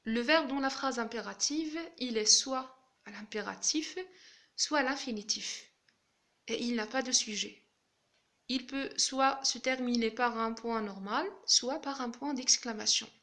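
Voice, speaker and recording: Female teacher, fairly high bright voice, slow and deliberate grammar lesson delivery. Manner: slow, careful explaining with examples.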